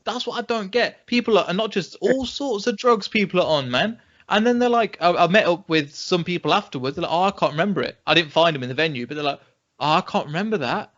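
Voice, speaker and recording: A young man from England with a British accent, telling lively anecdotes as a podcast co-host in casual chat. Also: sits high, fast. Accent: British English. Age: young adult. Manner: animated anecdote-telling, acts out quoted reactions. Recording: dull lo-fi podcast audio.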